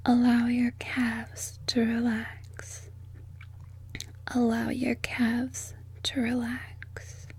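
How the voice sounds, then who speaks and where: Woman, breathy whisper, very slow and flat, soothing repetitive sleep-hypnosis read. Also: a little high.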